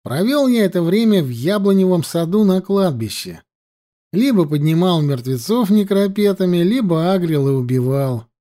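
A man's voice: high voice, expressive, normal speed, dark tone, voice pushed up. A man voicing a blunt, joking necromancer buddy. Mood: wry.

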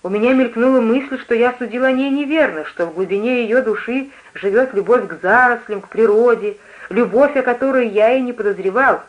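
A woman reading a first-person novel aloud, in an even, measured way. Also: fairly high pitch, lo-fi sound. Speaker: audiobook reader. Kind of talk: first-person literary narration.

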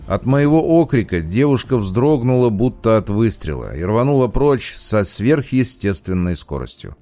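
A man narrating a first-person audiobook in a measured, dramatic way. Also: lowish voice, big pitch swings, dark tone, soft background music.

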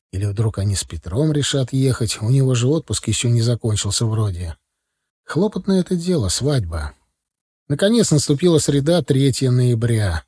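A man narrating a first-person audiobook in a lively storytelling manner, acting out the dialogue. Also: medium pitch, breathy edge.

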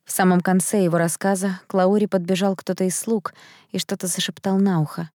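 A woman reading a first-person audiobook in a calm, even manner. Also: medium pitch, fairly quick, dry recording, clean studio sound. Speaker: audiobook narrator. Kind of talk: scripted first-person narration.

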